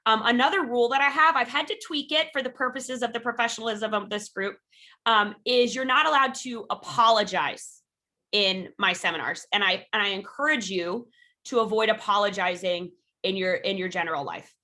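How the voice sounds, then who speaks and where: This woman is running a live self-defense class online, teaching through a video call from home. She talks briskly in a mid-range voice with a bright, forceful tone. Her instruction is blunt yet supportive, peppered with "um"s, and she calls drill cues energetically.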